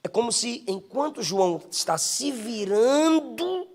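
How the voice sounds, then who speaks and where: A Brazilian pastor from Bahia with a strong Bahian accent preaches at a live church service. His voice sits very high and has a gravelly edge. His pitch swings widely as he climbs from storytelling into shouted preaching. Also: unhurried. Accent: Bahian Brazilian Portuguese. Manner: animated preaching that builds to shouting, with sung bell sounds. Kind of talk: live Pentecostal sermon.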